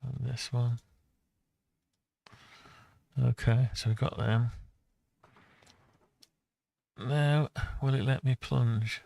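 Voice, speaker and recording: In an unscripted screen-recorded walkthrough, a man mutters his way through a software task, thinking aloud slowly and flatly. His mid-range voice is very creaky and gravelly, and the dry, close sound with no room tone feels like an informal hobby tutorial.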